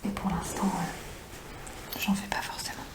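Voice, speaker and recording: A woman whispers right up by the listener's ear in a breathy, unvoiced voice. She talks in an informal, chatty ASMR show-and-tell style, keeping everything soft and intimate. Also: a little slow. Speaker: ASMR video creator.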